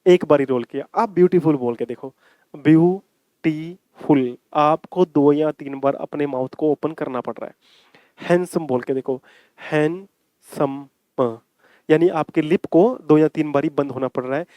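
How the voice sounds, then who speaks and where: A man teaching English grammar for exams, coaxing students and checking "ठीक है?" often, reading his English examples slowly. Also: on the high side, warm tone, no room sound. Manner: coaxing, repeats points, asks 'ठीक है?' often; slow drawn-out English example sentences. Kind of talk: exam-prep grammar lesson in Hindi with English.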